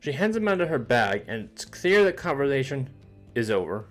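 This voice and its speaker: A man co-streamer reading game narration aloud in a plain, steady way. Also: mid-range voice, normal speed, faint music behind.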